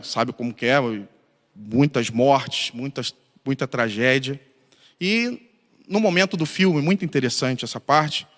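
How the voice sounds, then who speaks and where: A male pastor delivers an earnest sermon in a fairly high voice, swelling into emphatic runs. The sound carries a long reverb from a church hall. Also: a bit bright. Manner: earnest, builds to rising emphatic passages. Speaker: pastor and missionary. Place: church sanctuary.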